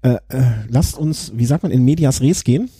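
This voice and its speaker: A man hosting a podcast in casual conversation, with a husky, raspy voice. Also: medium pitch, moderate pace, dark tone, no room sound, studio quality. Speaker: podcast host.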